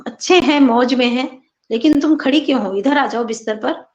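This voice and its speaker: A teacher reading a cheerful young wife. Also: female voice, high-pitched, normal speed, highs cut off, close to an everyday voice. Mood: welcoming. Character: young wife, lonely, newly cheerful hostess.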